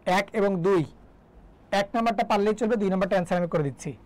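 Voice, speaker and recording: A man's voice: high voice, fast talker, a little mellow, rough recording. A young man from Bangladesh teaching English grammar in a live online class, chatty and joking as he quizzes students. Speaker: English tutor.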